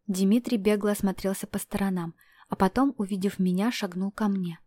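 A woman's voice: medium pitch, fairly even intonation, normal speed, warm tone, no room sound. Woman narrating a fantasy audiobook.

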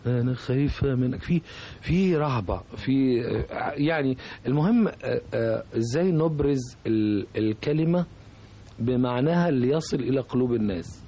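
A man with an Egyptian accent, a composer being interviewed on radio, talking reflectively and pausing often to find his words. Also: medium pitch, lively intonation, warm tone. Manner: reflective, hesitant, searching for words. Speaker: composer, guest.

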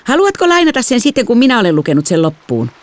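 A woman voicing a whiny spoiled girl of nearly twelve in an audiobook, her voice pushed high. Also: huge pitch swings. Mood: dreamy, whiny.

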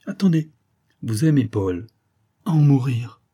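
A man's voice: medium pitch, expressive, measured pace, dark tone, husky, pitched above the performer's own voice. A man reading aloud plays a cunning disguised adventurer who speaks with sure, commanding knowingness. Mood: knowing.

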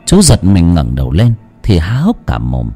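A man narrating a village ghost story in a hushed, dramatic manner. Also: sits low, huge pitch swings, moderate pace, breathy edge, soft background music.

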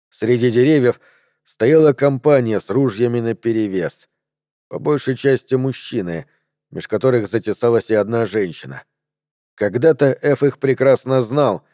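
Mellow-voiced male audiobook narrator. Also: medium pitch, no room sound, studio quality. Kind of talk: scripted narration.

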